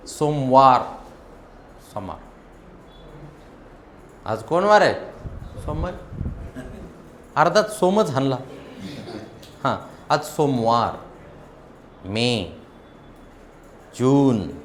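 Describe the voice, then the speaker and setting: A man teaching public speaking to a seated audience, animated and emphatic, showing how to speak loud and slow. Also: medium pitch, slight background noise. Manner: animated and emphatic, demonstrating loud and soft delivery. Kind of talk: motivational classroom lecture.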